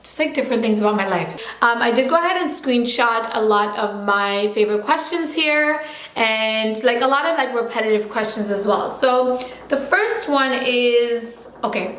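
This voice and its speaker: A woman in her twenties talks through a casual Q&A vlog from her apartment, breezy and quick with lots of filler words. Her voice sits a little high, and the room around her rings with echo. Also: a bit bright. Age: 20s. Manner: chatty, fast, lots of "like" fillers. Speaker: beauty vlogger.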